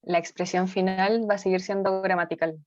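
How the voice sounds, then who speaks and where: A woman's voice: medium pitch, steady tone, fairly quick, a little mellow, dry recording. A female student answering her teacher's question during an online class, explaining tentatively. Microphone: video call. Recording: dull lo-fi call audio.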